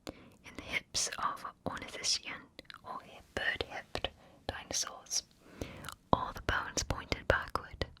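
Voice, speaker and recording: An ASMR narrator whispers scripted facts right up close to the listener's ear the whole way through, captured on a close ear-to-ear stereo microphone. The pace is slow, the voice pushed and bright.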